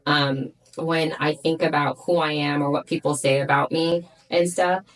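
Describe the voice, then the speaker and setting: A woman's voice: low-pitched, fairly even intonation, normal speed, poor audio. A blunt, emphatic woman who owns a salon, speaking as a guest in a podcast interview and coaching the host.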